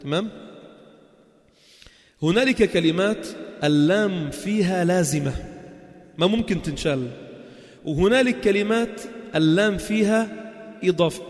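Teaching religion in informal Levantine Arabic, this man keeps asking his audience brief questions to check understanding, then supplies the answers. The voice sits high, with the sound of a large room.

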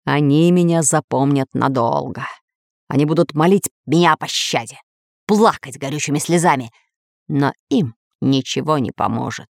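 Gloating villain lord, low and grumbling, read by a woman, dry close mic. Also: normal speed, gravelly, no echo. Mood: angry. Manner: gloating, growling. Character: scheming, bad-tempered male villain lord.

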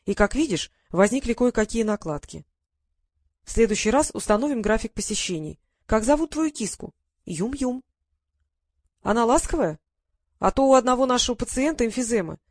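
A woman voicing a brisk, businesslike young woman who organizes volunteers. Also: fairly high pitch, darkish tone, no echo, clean studio sound.

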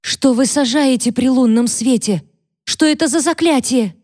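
A woman voicing a frightened young maidservant who pleads tearfully and breaks into shrill accusations. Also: expressive, a little slow, dark tone, dry recording, studio quality. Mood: frightened, accusing.

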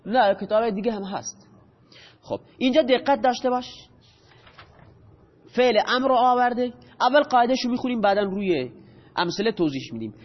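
Male teacher, high voice, explains step by step and quizzes the class; muffled recording in a reverberant room. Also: expressive, pauses often. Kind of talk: classroom grammar lesson. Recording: dull audio with long hall reverb.

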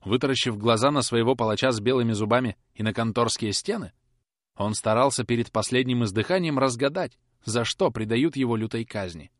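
A man reading a classic novel aloud, narrating in an expressive, measured way. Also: medium pitch, no echo, clean studio sound. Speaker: audiobook reader. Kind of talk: audiobook narration.

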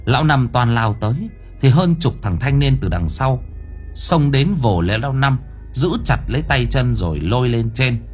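A male narrator tells a ghost story with an animated, lively voice that rises and falls through the action. Faint music sits under the reading. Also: mid-range voice, moderate pace, slightly rough. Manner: vivid, expressive storytelling. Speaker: audiobook narrator.

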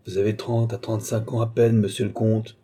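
A man's voice: lowish voice, little pitch movement, fairly quick, warm tone, husky. A man reading aloud and voicing an aging, worldly duke who speaks wryly and in disbelief for an audiobook. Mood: incredulous. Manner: wry, incredulous. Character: astonished aging male duke, worldly and wry.

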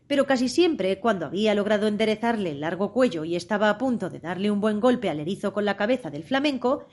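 A woman narrating a storybook in a measured, expressive reading. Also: mid-range voice. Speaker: audiobook narrator.

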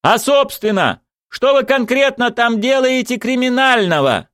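A man's voice: very high voice, lively intonation, unhurried, a bit bright, no echo, clean studio sound, voice pushed up, exaggerated voice. A man playing a wordy, officious police sergeant who speaks with pompous politeness.

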